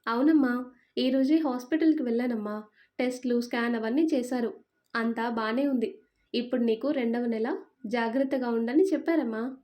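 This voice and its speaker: An eager young daughter, affectionate and a little tearful, talking to her mother on the phone in a storybook as a woman reads her part. The voice rises a little higher and louder, with a warm tone. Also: moderate pace, lightly acted. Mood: tearfully happy.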